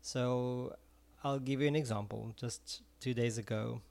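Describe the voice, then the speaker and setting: A middle-aged Israeli ice cream vendor who used to be a music teacher speaks a little slowly in a medium-pitched, gravelly, darkish voice with a steady tone. He's earnest in this casual interview and often repeats words while searching for phrasing.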